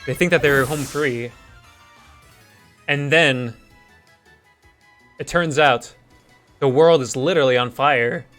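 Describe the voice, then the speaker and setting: Bright-voiced rambling male streamer. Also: medium pitch, takes it slowly, long pauses, faint music behind. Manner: rambling, many restarts and fillers. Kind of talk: improvised story while gaming.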